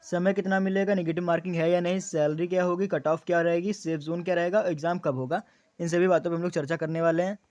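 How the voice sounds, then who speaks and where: A man's voice: high-pitched, fairly even intonation, fast, a little mellow, no room sound. A young man explaining exam details to students, repeating key points as questions and answers, with frequent fillers. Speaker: exam coaching YouTuber.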